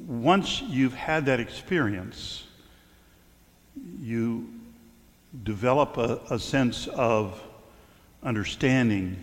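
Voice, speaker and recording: A middle-aged man delivers a sermon in a loose, storytelling way. He stumbles and restarts now and then, his voice at an ordinary pitch. The sound carries a long reverb, as in a large church hall. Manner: conversational storytelling with stumbles and fillers. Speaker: clergyman.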